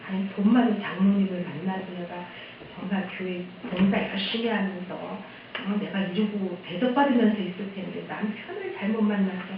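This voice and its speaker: A woman missionary from Korea talks through her experiences in a candid, chatty way during a church service. Her voice booms around a very reverberant sanctuary from a distant mic, with a muffled, lo-fi sound and a faint hum underneath. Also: normal speed, hardly any pauses. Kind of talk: testimony talk at a church service. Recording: echoey hall, distant dull mic.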